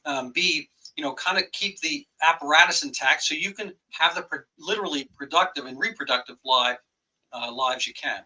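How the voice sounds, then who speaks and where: A man hosting a podcast, his voice very bright and somewhat high for a man. He sits back from the mic, so he sounds distant, and he speaks in short, easygoing bits. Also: normal speed. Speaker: podcast host, doctor. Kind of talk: casual podcast conversation.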